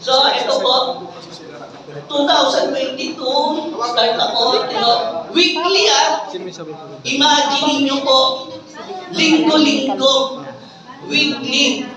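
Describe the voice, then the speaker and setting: A man from the Philippines giving an animated motivational talk to an audience, acting out the dialogue as he tells his story. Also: very high voice, slow, long pauses. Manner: animated storyteller, acts out dialogue, laughs with the crowd. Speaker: speaker giving a testimony to an audience. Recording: echoey hall, mic from far off.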